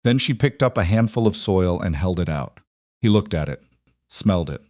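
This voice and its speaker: Guy narrating a western, real deep voice, dry close sound. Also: no room sound. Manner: measured, even storytelling. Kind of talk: scripted audiobook narration.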